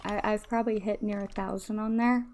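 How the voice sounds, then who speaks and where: A woman live streamer chats casually while playing a game, gushing with grateful thanks to her viewers. Her mid-range voice is somewhat dark, a little fast, and fairly even in intonation, with a slight lisp from missing front teeth.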